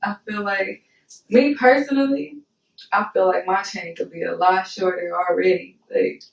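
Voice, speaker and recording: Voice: medium pitch, steady tone, normal speed, gravelly. A co-host in a casual, candid chat who talks things through reflectively and checks that they are understood. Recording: echoey room, far from the mic.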